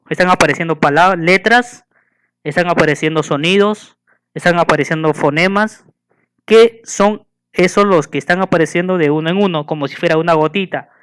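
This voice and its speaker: A man giving a school lesson, patiently asking the listener questions and slowly spelling and counting things out. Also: fairly high pitch, fairly bright tone, smooth. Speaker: teacher.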